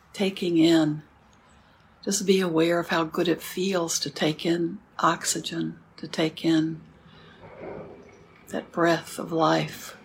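A woman leading a guided meditation as a teacher, speaking calmly and gently with unhurried pauses. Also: on the low side, slight background noise.

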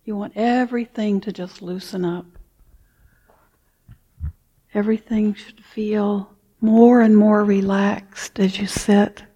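Slow, soft-spoken woman guiding meditation. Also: mid-range voice, steady tone, husky, lo-fi sound. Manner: slow, soft-spoken, long pauses, drops to a whisper. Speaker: meditation teacher. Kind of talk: guided meditation.

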